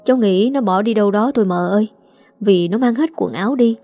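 A woman's voice: mid-range voice, a little fast, dark tone, faint music behind, close to an everyday voice. A woman playing a weak, weary young man. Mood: pleading. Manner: faint, pleading.

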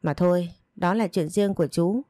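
A gentle, unhurried middle-aged father talks slowly and patiently, as a woman reading the story takes his part. His voice is low and mellow, with a dry, close sound. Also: no echo, close to an everyday voice.

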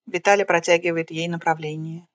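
A narrator reading the stage directions of a screenplay aloud in a plain, flat way. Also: medium pitch, brisk, no room sound, studio quality.

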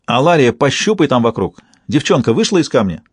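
A man's voice: mid-range voice, big pitch swings, brisk, breathy edge, no room sound, studio quality. A man reading an audiobook and voicing a bossy, cold woman leader who snaps out orders. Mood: commanding. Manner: snapping, domineering orders.

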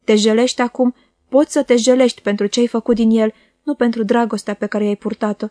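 A woman's voice: fairly high pitch, level tone, dark tone, dry recording, studio quality, close to an everyday voice. A woman reader voicing a proud, bitter, jealous young woman who speaks with scornful, impassioned force in an audiobook. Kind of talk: audiobook character voice.

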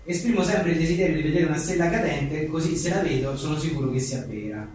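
At a book presentation, a male author reads his comic aphorisms aloud, adding wry, self-deprecating, chatty asides. He talks fast with a fairly high, darkish voice. The venue is very echoey, picked up by a distant mic with faint noise.

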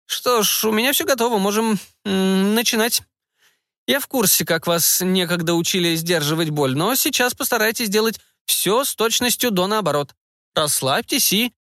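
A man's voice: high-pitched, fairly bright tone, no echo, clean studio sound, voice pushed up. A man voicing a fussy, hesitant male scientist who keeps humming "m" mid-sentence in an audiobook. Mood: coaxing. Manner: halting, hums "m" mid-sentence. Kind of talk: audiobook character voice.

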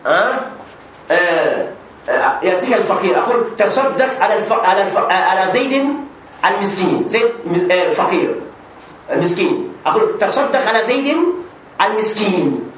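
A man's voice: high voice, animated, brisk, fairly bright tone. A man teaching an Arabic grammar class as a sheikh, asking questions, answering them himself and repeating example phrases. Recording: echoey room with faint background noise.

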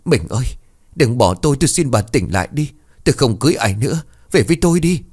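A man's voice: lowish voice, lively intonation, fairly quick, no room sound, studio quality. A man voicing a grief-crazed older village chief who wails and rants. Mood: anguished pleading. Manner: wailing, ranting.

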